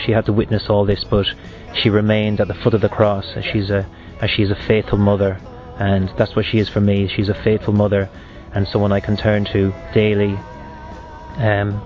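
A man in his thirties with a west of Ireland accent gives a reflective faith testimony. His voice is lowish and very monotone, and he speaks haltingly. The recording is slightly dull, with faint music behind him. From Galway, west of Ireland. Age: 30s. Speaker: seminarian giving a personal testimony.

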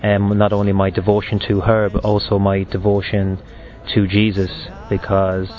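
A man in his thirties with a west of Ireland accent, a seminarian giving a personal faith testimony in a halting, reflective way. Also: lowish voice, monotone, muffled recording, soft background music. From Galway, west of Ireland. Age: 30s.

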